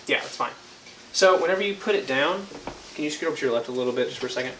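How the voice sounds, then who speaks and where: A man's voice: on the high side, expressive, rapid-fire, fairly bright tone. A young man gives a one-on-one brass lesson, patient and often checking in. His voice sits in an echoey room with a faint hiss behind it. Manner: patient, checks understanding with frequent okays. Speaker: brass teacher.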